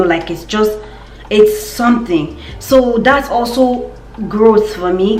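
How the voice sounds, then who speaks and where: A woman's voice: mid-range voice, roomy sound, a little hiss or hum. A young woman with a Nigerian accent, chatting casually in a vlog update and repeating words for emphasis. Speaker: vlogger.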